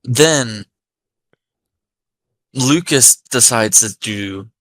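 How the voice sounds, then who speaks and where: A man's voice: medium pitch, very slow, a bit bright, no room sound. A man with an American accent touched with Appalachian, telling anecdotes in a sweary, rambling casual chat. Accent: American, slightly Appalachian.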